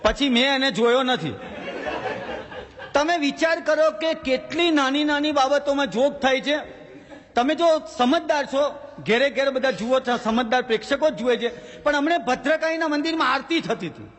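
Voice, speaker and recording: A man's voice: very high-pitched, normal speed, a bit bright, big-room sound. A man doing a stand-up comedy monologue with a Gujarati accent, telling anecdotes and slipping into character voices for the punchlines.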